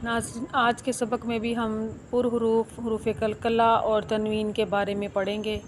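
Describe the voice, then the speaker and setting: A woman teaching Quran recitation step by step. She spells each word out slowly, one syllable at a time, and then explains it quickly. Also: on the high side, completely flat delivery, a little hiss or hum.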